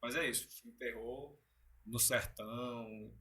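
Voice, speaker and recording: A man's voice: medium pitch, fairly even intonation, takes it slowly, background noise. A man being interviewed as a guest actor, telling stories animatedly in casual chat with frequent restarts. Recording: distant from the mic.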